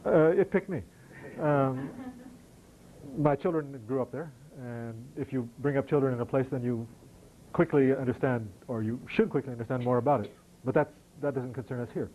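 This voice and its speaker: A man's voice: medium pitch, moderate pace, warm tone, a little hiss or hum, low-quality recording. A middle-aged American man answering audience questions after a lecture, conversational and wry, with frequent restarts. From United States. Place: lecture hall.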